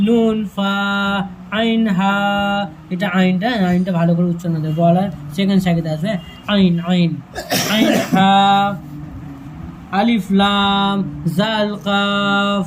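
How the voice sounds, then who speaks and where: High-voiced man drilling letters slowly. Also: steady tone, background noise. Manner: slow letter-by-letter drilling with quick asides. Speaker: Quran reading teacher. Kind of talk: step-by-step reading lesson.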